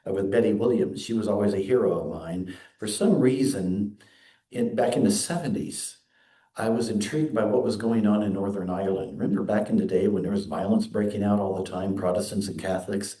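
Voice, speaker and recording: Low, mellow-voiced man preaching in an echoey church. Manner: earnest, measured preaching with quoted readings. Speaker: minister. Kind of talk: sermon. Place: church sanctuary. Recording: echoey sanctuary.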